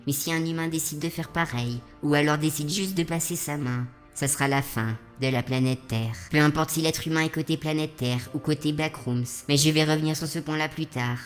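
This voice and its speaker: A low-pitched robot voice performed by a woman narrates a scripted vlog. The delivery is deadpan, calm and measured, with a synthetic robotic tone, over faint music. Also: natural voice. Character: deadpan robot vlogger, calm, darkly joking. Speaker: channel host.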